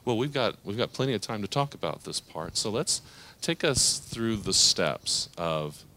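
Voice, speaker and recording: A man moderating a live interview on a theater stage, with a measured, announcer-like delivery. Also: lowish voice, big pitch swings, bright, forceful tone.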